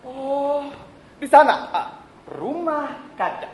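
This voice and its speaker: A man's voice: very high-pitched, big pitch swings, takes it slowly, slight background noise, heavily acted. A man playing a breezy, laughing city official on stage. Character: cheerful male city official, smooth and bureaucratic. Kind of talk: stage play acting. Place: small theatre stage. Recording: roomy live stage recording.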